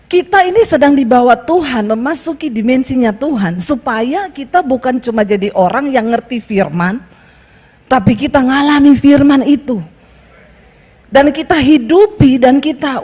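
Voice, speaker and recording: A woman's voice: high-pitched, animated, unhurried, a little mellow, slightly rough, in a large hall. A woman pastor from Indonesia giving an emphatic sermon, with chatty asides to the congregation. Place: church hall.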